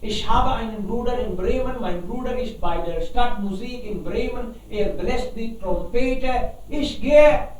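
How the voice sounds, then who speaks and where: A woman's voice: a little high, measured pace, hardly any pauses, darkish tone, slight background noise, lightly acted. A woman reading as a kind male donkey. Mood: cheerful. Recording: echoey room, far from mic.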